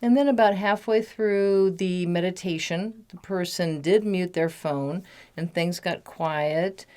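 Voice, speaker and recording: A woman leads a guided mindfulness meditation in an unhurried, gentle way. Her voice is smooth and resonant and sits a little low. It comes through a phone call. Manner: gentle, talks a lot to cover background noise. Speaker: meditation teacher.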